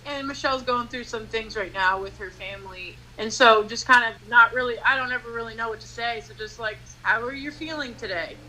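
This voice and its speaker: A woman's voice: on the high side, fairly even intonation, a little fast, few pauses, pushed and bright, a little hiss or hum, rough recording. A woman appearing as a podcast guest, giving advice on friendship in an earnest, upbeat way. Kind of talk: casual conversation.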